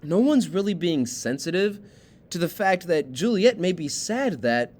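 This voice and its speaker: A man's voice: high voice, sing-song, a little slow, a little mellow. A man teaching a literature lesson, explaining a play in a casual way with many fillers.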